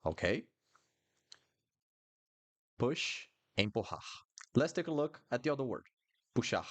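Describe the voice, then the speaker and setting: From Brasilia, a Brazilian man with a Brazilian Portuguese accent teaches Portuguese in a live online session, his medium-pitched voice sing-song and unhurried. He keeps up a chatty, apologetic patter and repeats words for the learners.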